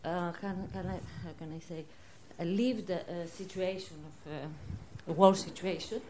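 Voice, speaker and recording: A woman's voice: on the low side, steady tone, moderate pace, warm tone. A woman in the audience making a hesitant comment, often searching for words. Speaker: audience member. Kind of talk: spontaneous comment.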